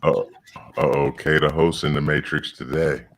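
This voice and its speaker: A man in casual podcast chat over a video call, relaxed and quick with quips. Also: a bass voice, a little hiss or hum.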